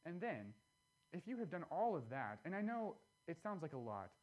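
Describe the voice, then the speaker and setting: A man preaching a sermon in a church, conversational and earnest, with animated asides. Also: on the high side, normal speed. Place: church sanctuary.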